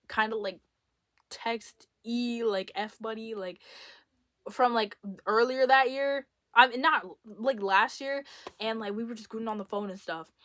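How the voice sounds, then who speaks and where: A young woman content creator spills a long, winding story straight to her audience. She talks casually and animatedly, leaning on filler words as she goes. Her voice sits at a middle pitch and sounds dry and close, with no room echo. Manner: rambling, filler-heavy, animated. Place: indoors at home.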